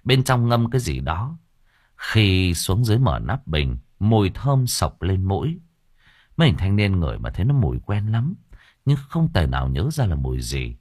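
A man narrates an audiobook in a crude, colloquial way. His voice sits low but moves a lot. The recording is dry and close. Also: no room sound. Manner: lively, crude colloquial storytelling. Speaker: storyteller.

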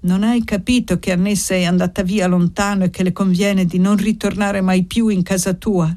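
A woman's voice: medium pitch, steady tone, moderate pace, dark tone, natural voice. A woman voicing a weary, exasperated old priest in an audiobook. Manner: huffing, exasperated.

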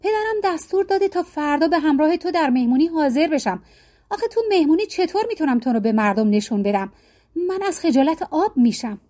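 A young prince frets and complains, as a woman storyteller voices him. The voice stays high and mellow, with a plaintive, worried lilt. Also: lively intonation. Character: young prince, troubled and ashamed.

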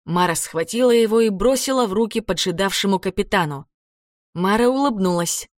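A woman reading a children's adventure story aloud as narrator, in a dramatic, expressive way. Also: medium pitch, fairly quick, dry recording, clean studio sound. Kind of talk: audiobook narration.

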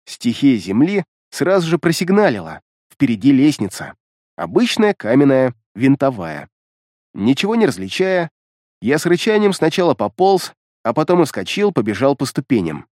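A man reading a first-person fantasy audiobook in an expressive, dramatic way. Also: mid-range voice, normal speed, dry recording, studio quality. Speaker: audiobook narrator.

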